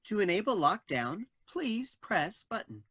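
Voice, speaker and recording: A woman voicing a building's robotic security system in clipped, monotone announcements. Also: mid-range voice, measured pace, breathy edge, no echo, heavily acted.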